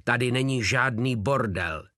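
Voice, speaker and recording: A man's voice: mid-range voice, bright, forceful tone, no room sound, clean studio sound, natural voice. A man voicing a stern, indignant head waiter who gives short, commanding orders. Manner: curt, commanding.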